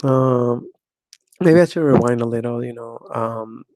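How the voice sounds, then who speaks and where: A woman's voice: rumbling low, a little slow, dark tone, no echo. A woman in her fifties hosting her own talk show in a rambling, scornful solo monologue full of "you know". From Mexico. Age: 50s. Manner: scornful, ranting.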